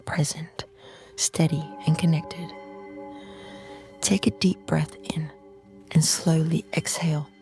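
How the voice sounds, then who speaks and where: Casting: female meditation guide for a calm grounding exercise, low breathy voice with some creak, soothing measured phrasing, music underneath. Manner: slow, soothing, measured delivery in short phrases.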